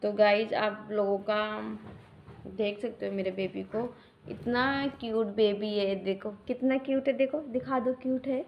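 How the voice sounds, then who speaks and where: A young mother talks in a casual home vlog at a middle pitch. She rambles and restarts as she tells her story plainly. There is faint noise behind her. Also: fairly even intonation, unhurried, creaky, lo-fi sound. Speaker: mother vlogger.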